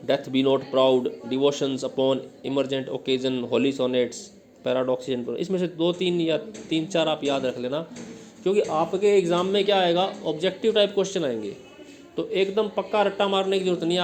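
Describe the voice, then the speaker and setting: A man's voice: a little high, a little mellow. A male teacher giving an exam-prep lecture, explaining step by step and drilling his students with questions. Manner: explains step by step, often checks with "ठीक है?".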